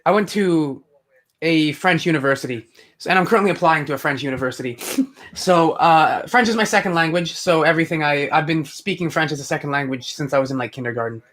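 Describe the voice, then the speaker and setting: With a quick pace and a fairly high, slightly bright voice, a young man chats with viewers during a casual live stream. English is his first language, and his live commentary rambles, full of fillers and restarts.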